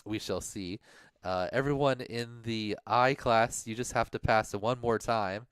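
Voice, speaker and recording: A man co-hosting a livestream talks through the race standings in a relaxed, thinking-aloud way, sometimes trailing into mumbles. His voice sits low and sounds smooth and resonant. The sound is close and dry. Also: measured pace, no room sound. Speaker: livestream co-host. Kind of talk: casual stream chat going over race standings.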